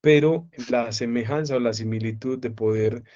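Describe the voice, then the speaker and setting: A man with a middle-pitched, slightly mellow voice teaches an online psychology class, explaining slowly and repeatedly asking whether students are following. The audio is dull and lo-fi, like a computer microphone on a video call.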